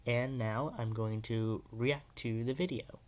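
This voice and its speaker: A man's voice: mid-range voice, fairly even intonation, unhurried, darkish tone. A man hosting a casual video reaction, rambling and hesitant, with many filler words. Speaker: YouTube reaction host.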